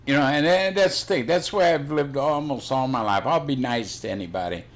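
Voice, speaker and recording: A man's voice: medium pitch, a little fast. Older guy on his stream, blunt, swears a lot, rambles on. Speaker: livestream host. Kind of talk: casual chat.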